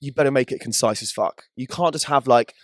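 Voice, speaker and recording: A hungover, low-energy British man co-hosting a podcast in casual, slangy chat peppered with "like" and "you know". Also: fairly quick, dry recording. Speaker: podcast co-host.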